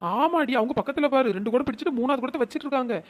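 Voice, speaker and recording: A woman voicing a scheming young village woman who stirs up quarrels at a water tap, speaking in a cartoon comedy. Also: high voice. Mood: coaxing. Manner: scheming, scolding, quick village banter. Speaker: cartoon storyteller voicing the schemer Chinna Ponnu.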